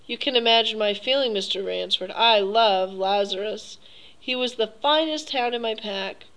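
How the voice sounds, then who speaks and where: Reading a tale aloud, a woman voices a suave, cruel aristocratic Cossack hunter, a male general both courteous and cruel, with silky, drawn-out phrasing and lingering politeness. His tone sits slightly higher than the surrounding narration and comes across as businesslike. It feels like a storybook reading more than a full performance, with a fairly bright tone and a low-quality recording.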